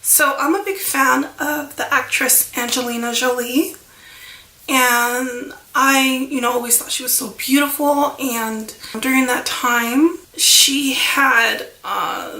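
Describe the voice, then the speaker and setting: A vlogger in her thirties rambles unhurriedly through a casual story packed with "like" and "you know." Her high, bright voice turns gravelly at the ends of phrases and sounds stuffy from a lingering cold, and the room around her is echoey.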